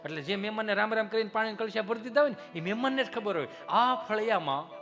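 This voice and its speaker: A man's voice: high-pitched, fast talker, a bit bright, muffled recording, soft background music. A man with a Kathiawadi Gujarati accent doing live stand-up, telling folksy stories with punchy rhetorical asides to the audience. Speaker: stand-up comedian.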